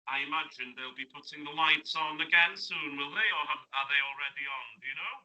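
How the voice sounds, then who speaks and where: A man's voice: a little high, a little fast, pushed and bright, rough recording. A man, chatting as an interview guest and asking friendly tag questions. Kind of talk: casual interview chat. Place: classroom radio studio.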